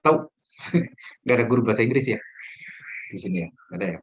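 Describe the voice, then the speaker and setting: A man's voice: medium pitch, expressive, quick pace, slightly rough, lo-fi sound. A middle-aged man giving a casual online lecture over a video call, joking, laughing often and quizzing the class.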